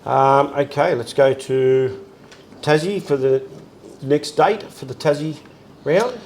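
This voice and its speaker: A man co-hosting a casual chat at home, relaxed and rambling with lots of fillers. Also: a little high, slow, a little hiss or hum, rough recording. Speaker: co-host.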